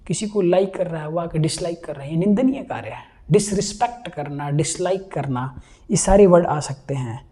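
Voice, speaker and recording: A man's voice: sits high, warm tone. A man teaching a live online vocabulary class, explaining patiently, repeating key words and checking that students understand.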